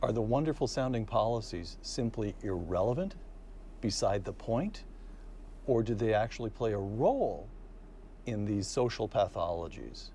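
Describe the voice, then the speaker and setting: A man's voice: on the low side, lively intonation, moderate pace, dark tone, slight background noise. A man asking brief questions as an interviewer.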